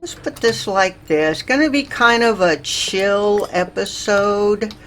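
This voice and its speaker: A woman hosting a slow, chill game let's play, thinking aloud with lots of fillers and a little out of breath. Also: medium pitch, slight background noise. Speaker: Minecraft let's play host. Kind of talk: slow, chill gameplay commentary.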